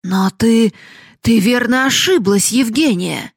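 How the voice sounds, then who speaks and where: A man's voice: high-pitched, steady tone, a little slow, creaky, slightly rough, no room sound, studio quality, full character voice. Woman voicing a greedy old miser father. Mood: raging. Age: older. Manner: coaxing then bellowing, whispers about gold. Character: miserly old male cooper, greedy, wheedling and tyrannical. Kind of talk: audiobook reading.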